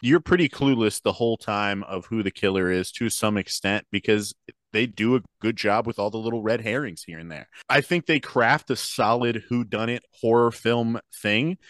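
Man, podcast co-host, lowish voice, dry close sound, casual and opinionated. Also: moderate pace, a bit bright, no echo. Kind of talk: casual film review chat.

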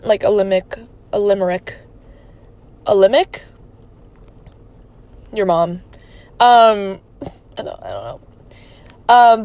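A woman's voice: medium pitch, no room sound. A young woman hosting a casual solo podcast, rambling with lots of fillers and casual swearing, laid-back but getting indignant. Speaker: podcast host.

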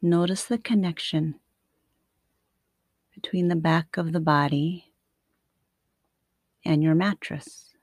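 Very slow, soothing woman guiding sleep meditation. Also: fairly low pitch, steady tone, darkish tone, dry recording, studio quality. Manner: soothing, unhurried, with long pauses between short phrases. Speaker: yoga nidra meditation teacher. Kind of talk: guided sleep meditation, like a sleep story narrator.

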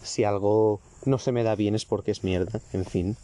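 A seventeen-year-old man rants and swears through a casual podcast-style monologue, recorded outside in a garden. His voice is very dark and mellow. Insects chirp faintly behind him. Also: fairly low pitch, steady tone, moderate pace, a little hiss or hum. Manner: profane, ranting, self-mocking. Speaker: vlogger. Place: outdoors in a garden.

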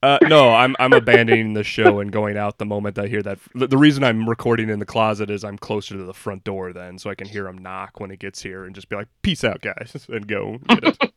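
Guy recording from a closet, smooth lowish voice, super dry sound, chatty and eager. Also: a little fast, fairly bright tone, no echo. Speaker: podcast co-host. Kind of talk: casual podcast chat. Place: recording inside a small closet at home.

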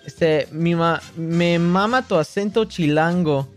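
Slow, laid-back male streamer. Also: a little high, soft background music. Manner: relaxed, joking, switches between Spanish and English. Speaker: livestreamer. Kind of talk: casual late-night stream chat, reading chat aloud.

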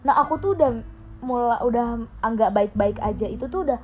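A woman's voice: fairly high pitch, expressive, a little fast, dull audio, faint music behind. A young woman in casual late-night chat, candidly and emotionally recounting her struggles, with many fillers. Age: young adult. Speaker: podcast co-host.

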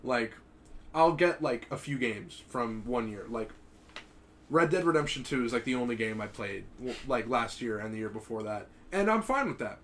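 A young man in casual podcast chat, relaxed and laughing easily, with lots of "like" fillers. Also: medium pitch, normal speed, a little hiss or hum. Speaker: podcast co-host.

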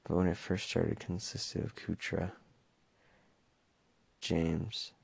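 A man's voice: sits low, flat delivery, slow, gravelly, darkish tone, slightly rough, dry recording. A young man talking in a casual personal monologue, hesitant and stumbling over his words with many fillers. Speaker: podcast host.

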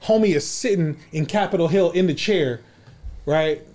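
A man's voice: fairly high pitch, moderate pace, crowd noise. A man talking heatedly and emphatically in a casual podcast chat, swearing often.

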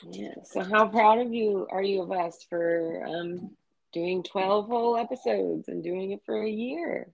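A woman's voice: medium pitch, unhurried, vocal fry, dry recording, rough recording. A woman in her forties co-hosting a podcast in casual chat, talking freely with fillers and easy laughs. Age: 40s. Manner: chatty, laughs easily, many fillers. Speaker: podcast co-host.

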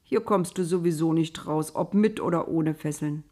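In an audio storybook, a wry and good-humored old jailer teases a newcomer in a gruff, chatty voice, as a woman reading puts him on. The voice sits fairly low. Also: moderate pace, mellow.

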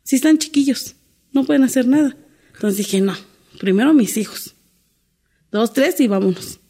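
A woman's voice: sits high, animated, normal speed, warm tone, breathy edge. A middle-aged woman, a domestic worker telling her life story in an interview, earnest and full of restarts. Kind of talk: candid interview conversation.

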